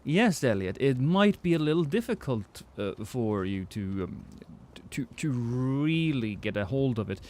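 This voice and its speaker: This Norwegian man, whose accent carries a slight British tinge, chats casually while streaming a game and reading chat, restarting sentences often in a self-deprecating way. His mid-range voice is very animated and darkish, at a measured pace, with slight background noise.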